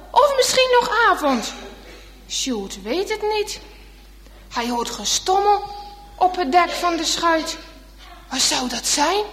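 High-voiced woman reading a children's story. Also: a bit bright. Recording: echoey hall reverb.

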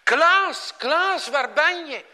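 A man voicing a worried skipper who shouts urgently to his deckhand during a storm at sea. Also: very high voice, takes it slowly, voice pushed up, exaggerated voice. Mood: urgent shouting.

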